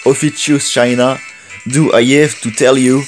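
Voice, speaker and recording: A man with a French accent voicing a fierce masked female warrior, reading slowly in his own mid-range voice. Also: mid-range voice, fairly even intonation, soft background music, close to an everyday voice. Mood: stern. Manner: slow, careful reading of game dialogue.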